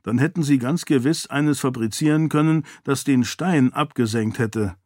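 A man voicing an eager, curious young male leader in an audiobook, speaking a little higher and livelier than his narration. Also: moderate pace, a little mellow, dry recording, studio quality, close to an everyday voice.

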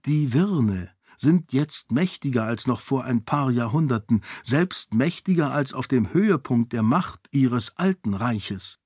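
A man voicing a clever young princess who speaks in a hushed, wry way. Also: mid-range voice, animated, a little slow, few pauses, husky, no room sound, studio quality. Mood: worried. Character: clever young princess, sharp-witted and sly.

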